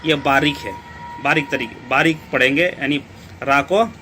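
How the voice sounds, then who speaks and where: A man teaching Quran recitation rules step by step. He explains slowly, repeats himself and keeps asking rhetorical questions. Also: medium pitch, bright, forceful tone, a little hiss or hum. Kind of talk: step-by-step tajweed lesson.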